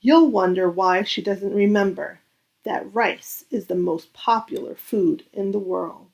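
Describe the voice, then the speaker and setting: A woman reads a children's picture book aloud, gentle and deliberate, using expressive delivery and dramatic pauses. Her voice is mid-range and creaky, and the sound is lo-fi.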